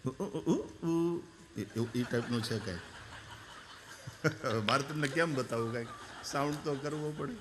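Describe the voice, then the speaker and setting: Bright-voiced Gujarati preacher man in a hall. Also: a little high. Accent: Gujarati, Saurashtra. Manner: storytelling, imitating sounds, breaking into song. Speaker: Bhagavata Katha preacher. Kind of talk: devotional discourse with sung bhajan. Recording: hall reverb with faint music.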